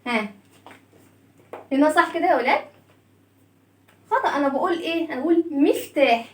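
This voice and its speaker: High-voiced Egyptian woman teaching children. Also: animated, roomy sound, recorded from a distance. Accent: Egyptian Arabic. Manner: drawn-out sounds, praises children often. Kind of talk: lively lesson for young children.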